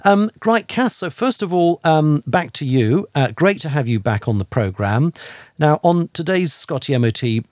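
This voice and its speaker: Chatty radio host, dry studio sound. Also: male voice, a little high, expressive, moderate pace, darkish tone, no room sound. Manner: rambling, many fillers and restarts. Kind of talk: casual radio chat.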